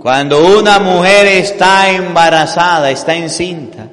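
High-voiced Venezuelan priest preaching in church. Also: male voice, a little slow. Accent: Venezuelan Spanish. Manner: rhetorical questions to the congregation, emphatic then dropping to soft asides. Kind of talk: sermon. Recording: long church reverb.

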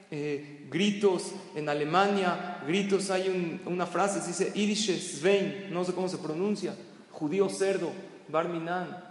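A man's voice: high voice, darkish tone. A man giving an impassioned sermon in Spanish, full of rhetorical questions. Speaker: rabbi. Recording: echoey hall.

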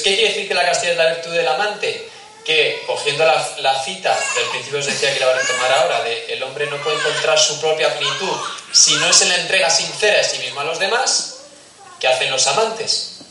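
A man's voice: fairly high pitch, bright, forceful tone, a little hiss or hum. Man talking in an echoey hall. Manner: conversational, asks the audience questions, acts out little scenes. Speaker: speaker giving a talk on family and faith. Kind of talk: talk to parents. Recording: echoey hall, speaker far from mic.

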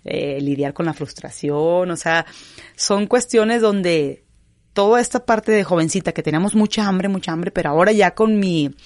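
Woman, young adult, Mexican accent, footballer guest, animated, reflective, dry sound. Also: on the low side, dry recording. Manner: expressive, animated storytelling with quick asides. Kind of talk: reflective interview answers.

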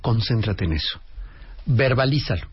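A man's voice: mid-range voice, lively intonation, normal speed. Firm man giving parenting advice. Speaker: parenting expert co-host. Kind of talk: advice chat. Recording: dry, dull lo-fi broadcast sound.

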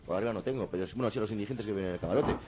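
A young man co-hosting a comedy radio show, bantering loudly and swearing constantly. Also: fairly low pitch, rapid-fire, husky. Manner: loud, exaggerated, swears constantly.

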